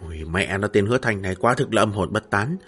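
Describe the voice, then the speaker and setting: A male narrator voicing a cowardly male demon spirit that lives in a scythe, in a low demonic voice, with faint music behind. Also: fast talker, a bit bright, slightly rough. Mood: grumbling. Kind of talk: audiobook narration with voiced characters.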